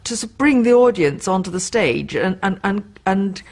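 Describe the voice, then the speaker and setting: A woman's voice: medium pitch, expressive, moderate pace, a little mellow. A woman explaining magic history emphatically in a documentary interview.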